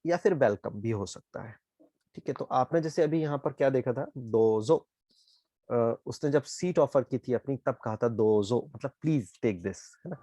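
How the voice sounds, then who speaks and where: A man with an Indian accent, a Japanese teacher explaining words slowly and asking "ठीक है?" often. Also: medium pitch, expressive, dark tone, no echo. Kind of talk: online class explanation.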